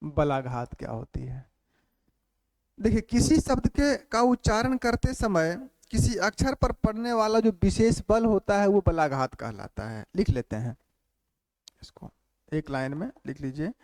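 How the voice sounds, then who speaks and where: A man teaching a grammar class who repeats phrases slowly for note-taking and keeps asking quick check questions. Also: sits high, lively intonation, a little mellow, no echo. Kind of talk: classroom lecture.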